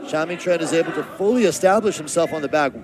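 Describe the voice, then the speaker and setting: A man giving live MMA play-by-play commentary in a measured, descriptive announcer style. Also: a little high. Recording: crowd noise and music behind. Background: arena crowd and music.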